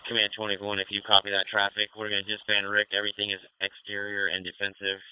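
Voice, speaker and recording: A man's voice: on the low side, monotone, quick pace, clean tone, dry recording, narrow, tinny audio. An American man working as fire incident commander, giving courteous, procedural orders in clipped police-radio style over a two-way radio. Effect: radio transmission. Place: fireground.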